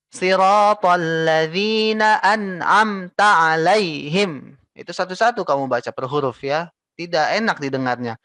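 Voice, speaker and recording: A young man teaching Quran recitation, patiently repeating and modelling each syllable slowly. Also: fairly high pitch, a bit bright, no echo. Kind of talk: tajweed lesson with recited examples.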